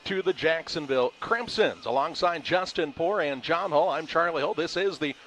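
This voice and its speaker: A man speaks as a play-by-play host on a sports pregame broadcast. His voice sits a little high, and he delivers live commentary to viewers. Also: animated, normal speed, a bit bright, slight background noise.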